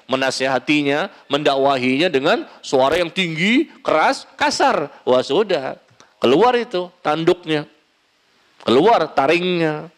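Man, Islamic preacher, sermon with questions from the audience, animated, emphatic, talks straight to listeners, fairly high pitch. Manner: animated, emphatic, gently humorous, addresses the audience directly. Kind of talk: sermon with question-and-answer session.

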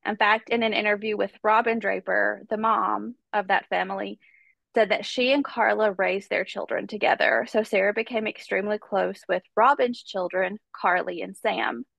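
A woman's voice: mid-range voice, steady tone, moderate pace, gravelly, fairly bright tone, dry recording. A woman hosting a podcast, telling a true-crime story in a chatty, casual way while stuffed up with a cold. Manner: chatty, conversational, many fillers. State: congested with a cold. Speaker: podcast host.

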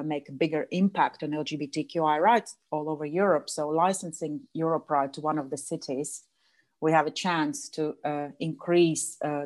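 Speaking in a low, slightly mellow voice, a Latvian-accented association president in her thirties is a casual interview guest. Her answers are hesitant, peppered with fillers and false starts.

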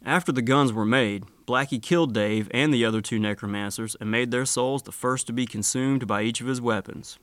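A man's voice: medium pitch, brisk, few pauses, fairly bright tone, no room sound, studio quality. A man narrating a first-person story in a laid-back, wry and profane way.

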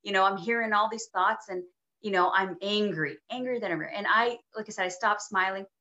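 A woman guest telling her life story in an interview, moving between hushed and emphatic moments. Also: medium pitch, a little fast, lo-fi sound. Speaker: guest sharing testimony. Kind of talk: personal testimony interview.

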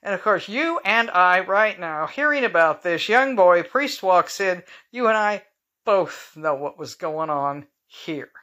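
Bright-voiced chatty woman podcaster. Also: on the low side, lively intonation, unhurried. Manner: rambling, frank, chatty asides. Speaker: podcast host. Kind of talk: casual monologue.

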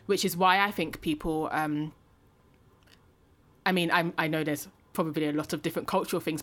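A woman co-hosting a podcast, reflecting aloud in a thoughtful, measured way. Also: on the low side, fairly bright tone. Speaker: podcast co-host. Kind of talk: reflective discussion.

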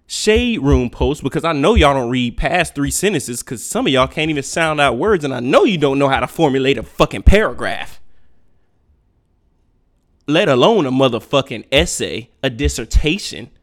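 A man's voice: medium pitch, expressive, normal speed. Profane ranting man with a swooping voice. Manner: profane, blunt, lecturing. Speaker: podcast host. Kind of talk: unfiltered solo rant.

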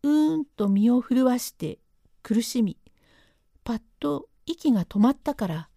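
A woman's voice: fairly high pitch, lively intonation, measured pace, creaky, mellow, no echo. Woman telling a classic tale, dry and close. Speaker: storyteller. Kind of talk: traditional comic storytelling narration.

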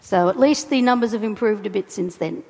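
A woman introducing herself on a conference panel in a relaxed, matter-of-fact way. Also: mid-range voice, a little fast, gravelly. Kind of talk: panel discussion. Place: conference hall. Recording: hall with long reverb.

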